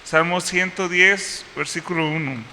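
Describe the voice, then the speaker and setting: A man preaching as pastor, his voice very bright and a little high. He teaches a passage step by step, pausing on fillers and restarting phrases. His words trail off into a long hall reverb over a faint hiss. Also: steady tone. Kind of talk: sermon. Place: church hall.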